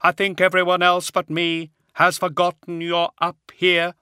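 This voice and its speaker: Hollow skull-faced warrior monk guy, narrator putting him on, slow and grave, pitched way up, forceful edge. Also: completely flat delivery, clear, resonant tone, no room sound, clean studio sound.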